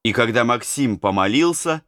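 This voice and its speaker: A man's voice: medium pitch, moderate pace, no echo, clean studio sound. A man reading a historical novel aloud as a dramatic audiobook narrator. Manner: dramatic, expressive. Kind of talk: scripted narration.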